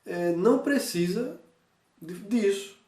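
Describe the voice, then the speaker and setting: A male teacher giving a recorded review lesson, speaking straight to his students and checking in often with quick questions. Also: sits high, animated, mellow. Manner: talks straight to students, checks in with frequent "certo?" and "né?"; demonstrates with gestures and changes of voice. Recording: echoey room, voice from a distance.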